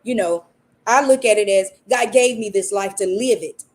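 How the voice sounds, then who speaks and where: A woman's voice: mid-range voice, normal speed, a little mellow. A woman hosting a podcast, giving an earnest, faith-based motivational talk and repeating phrases for emphasis. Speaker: podcast host.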